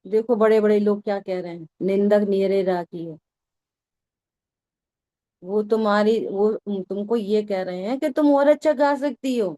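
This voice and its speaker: A woman's voice: medium pitch, unhurried, dark tone. A woman leading a religious study class in a conversational style. She keeps asking her listeners whether they follow, and she scolds them in a familiar, teasing way. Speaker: teacher of a scripture study class.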